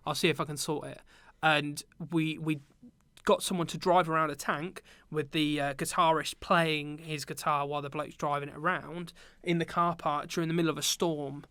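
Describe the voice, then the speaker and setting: Young british guy chatting on a podcast, crisp clear voice, lots of ums. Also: fairly high pitch, normal speed, no room sound. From Britain. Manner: relaxed storytelling with many ums. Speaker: podcast guest, teacher and business owner. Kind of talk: casual podcast chat.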